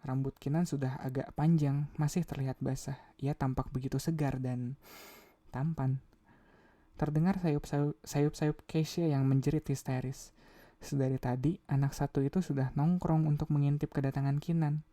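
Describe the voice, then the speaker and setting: A man calmly reading a novel aloud on a live stream, unhurried narration. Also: a little high, no echo. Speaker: reader.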